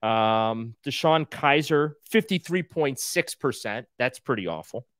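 A young man co-hosts a sports podcast from a small home room with display shelves, using earbuds and a desk mic on a video call. His medium-pitched, fairly bright voice is animated yet unhurried as he earnestly and defensively reads out stats in casual banter, nearly losing his voice. The audio is studio quality with no room sound.

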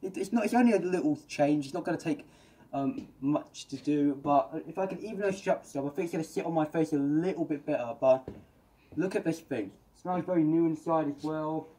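A man reviewing a helmet while wearing it, so his voice comes through a mask. His voice sits a little on the high side. He chats eagerly and often trips over his words and starts again. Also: brisk. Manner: chatty and excitable, with frequent restarts. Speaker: product reviewer. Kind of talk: casual product review vlog.

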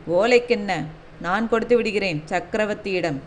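A woman doing a gruff, commanding old fort commander. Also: mid-range voice, normal speed, a little hiss or hum, natural voice. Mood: scornful. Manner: commanding, brusque questions. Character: proud older male fort commander, gruff and imperious.

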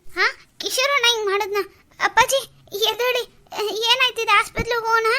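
A woman's voice: extremely high pitch, fairly even intonation, fairly quick, sharp tone, voice pushed up. A woman voicing a tearful young daughter in a cartoon, crying out shrilly for her father. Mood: frightened. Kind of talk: Kannada cartoon voice acting.

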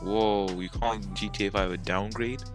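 A man speaking through a voice changer that shifts his voice deep, taunting cockily over online voice chat. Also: fairly even intonation, normal speed, soft background music. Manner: cocky, taunting trash talk. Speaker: account seller on voice chat.

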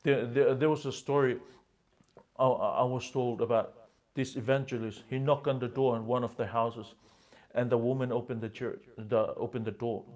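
A pastor delivers an impassioned sermon in a medium-pitched, steady voice. His slow, emphatic phrases swing between loud and hushed.

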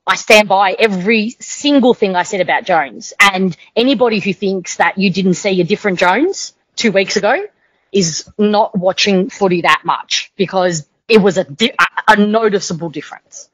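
A woman's voice: medium pitch, unhurried, a bit bright, no room sound. A woman with an Australian accent co-hosting a casual football podcast, confident and emphatic in her opinions, on a dull, dry lo-fi recording. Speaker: podcast co-host.

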